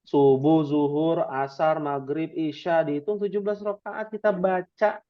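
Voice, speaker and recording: A man's voice: fairly high pitch, steady tone, a little slow. A man leads an interactive Quran reading class, speaking with a slight tinge. He keeps firing playful questions at his students. The audio is dull and lo-fi. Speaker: Quran and Arabic teacher.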